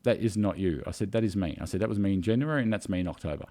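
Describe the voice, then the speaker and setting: A man's voice: fairly low pitch, lively intonation, racing, dark tone. A man telling a story in a casual video chat, emotional and rambling, tearing up. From Australia. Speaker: co-host.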